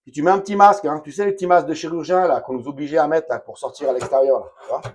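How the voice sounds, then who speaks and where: A man chats through a hands-on bathroom repair in a bright, fairly high voice. He talks bluntly and casually, with plenty of slang, addressing the viewer like a friend. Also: very fast, a little hiss or hum. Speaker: DIY home repair vlogger. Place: home bathroom.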